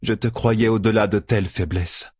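A man's voice: fairly low pitch, fairly even intonation, moderate pace, a little mellow, slightly rough, dry recording, clean studio sound. A man doing a cold, cutting sorceress. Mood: stern. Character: cool, stern, sharp-tongued female sorceress.

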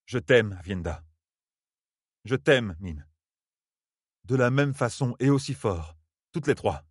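A man's voice: mid-range voice, animated, slow pace, slightly rough, no echo, studio quality, voice pushed up. A man voicing a stern, tormented young man in an audiobook, with a hard, heavy delivery. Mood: confessing.

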